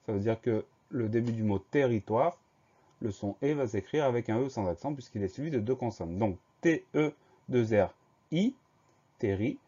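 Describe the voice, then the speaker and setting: Man spelling words out slowly, mellow. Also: medium pitch, lively intonation, husky. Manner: slow, spells words letter by letter. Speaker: teacher. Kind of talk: spelling lesson narration. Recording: dull lo-fi voice recording.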